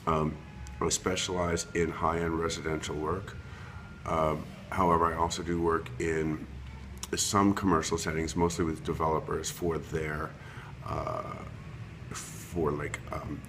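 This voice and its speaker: A man in his fifties with a low voice talks haltingly into a computer webcam, stopping for ums and restarting his sentences as he goes. It is an unrehearsed self-recorded introduction, with a faint hiss of noise behind him. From Long Island, New York. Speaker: interior designer.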